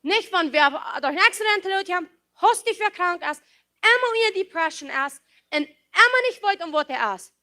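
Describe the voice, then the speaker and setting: A woman's voice: very high-pitched, lively intonation, normal speed, pushed and bright. A woman preaching an impassioned sermon with emphatic, repeated phrases, mixing English words into her speech.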